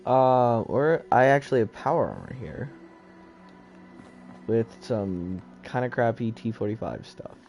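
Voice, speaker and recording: A man's voice: mid-range voice, sing-song, measured pace, creaky, a little mellow, soft background music. A man streaming a video game live, who chats loosely to himself and swears as he sorts his gear. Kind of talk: casual gameplay commentary.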